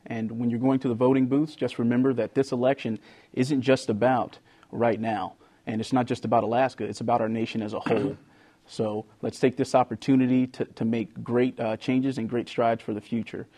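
A man's voice: medium pitch, level tone, fairly quick, warm tone. A man giving an informal, hesitant statement as a candidate in a political debate. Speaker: congressional candidate.

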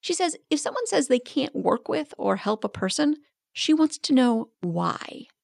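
A woman reporter reading a scripted radio narration in a measured, even delivery. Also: high voice, creaky, no echo, studio quality.

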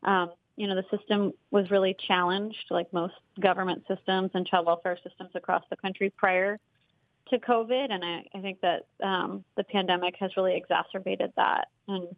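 A woman's voice: medium pitch, fairly even intonation, moderate pace, no room sound. Woman guest, slightly dull recording. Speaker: interview guest, child welfare training director. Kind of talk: unscripted interview answers.

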